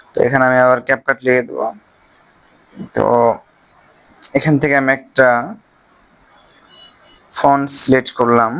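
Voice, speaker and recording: A man with a Bangladeshi Bengali accent, casually explaining a phone video-editing app step by step, with pauses as he clicks. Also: medium pitch, a bit bright. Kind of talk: screen-recorded software tutorial.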